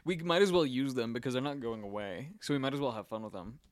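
A man's voice: mid-range voice, fast talker, no echo. Dry-voiced joking podcast guy. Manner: joking, riffing banter. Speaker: podcast co-host. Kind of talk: casual chat.

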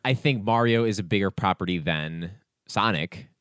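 A man's voice: deep voice, normal speed, fairly bright tone, clean tone, no echo, studio quality. A man, a teacher, chatting casually as a podcast co-host, rambling with fillers and restarts as he thinks aloud. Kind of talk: casual chat.

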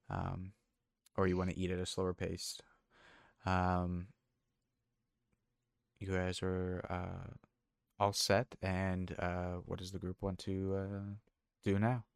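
A man narrating a tabletop game as game master in a relaxed way, with many fillers. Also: deep voice, vocal fry, clear, resonant tone, no echo, studio quality.

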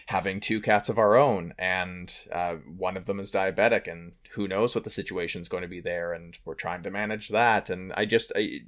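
A man's voice: deep voice, fairly even intonation, normal speed, few pauses, a bit bright. A married man co-hosting a podcast, talking earnestly and reflectively about films in a casual chat. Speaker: podcast co-host. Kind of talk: casual film discussion.

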